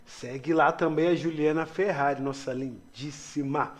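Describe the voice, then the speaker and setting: A man's voice: on the high side, fairly even intonation, normal speed. A man co-hosting a radio show, reading out listener messages and chatting in a friendly way. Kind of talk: casual radio chat.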